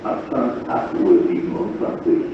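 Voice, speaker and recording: A man making formal German railway station announcements in a measured, impersonal, segmented way. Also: distant mic. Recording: muffled echoing station PA with clear noise.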